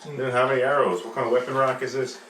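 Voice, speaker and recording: A man's voice: mid-range voice, little pitch movement, rapid-fire, a loud crowd. A man playing a tabletop game in casual banter, playful and a bit whiny. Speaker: player. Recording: roomy, distant mic, loud noise.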